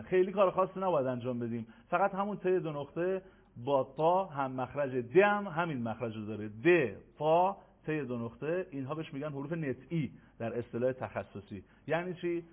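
A man teaching Quran recitation in an online lesson, slowly drilling letter sounds for listeners to repeat. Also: medium pitch. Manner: slow, emphatic drilling of sounds for repetition. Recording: tinny phone-like audio.

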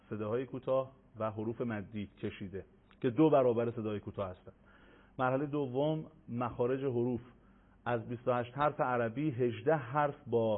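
A man teaching Quran recitation in a patient, explanatory way, slowly repeating letter sounds. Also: mid-range voice. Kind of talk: broadcast lesson. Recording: tinny phone-like line.

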